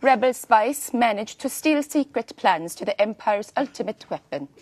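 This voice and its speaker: A woman reading a space-saga opening crawl in a put-on Norwegian accent, measured and sing-song. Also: a little high, expressive, darkish tone, no room sound. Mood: playful.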